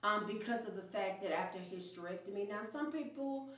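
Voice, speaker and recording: A woman's voice: mid-range voice, expressive, fairly quick. A woman in her fifties hosting a casual chat with friends, upbeat and chatty. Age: 50s. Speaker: channel host. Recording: echoey room, voice from far off.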